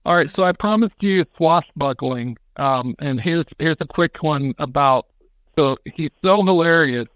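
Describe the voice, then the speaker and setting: A man on a podcast, retelling a story in casual chat, animated and acting out quotes with casual swearing. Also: fairly high pitch, a little slow, no room sound. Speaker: podcast co-host.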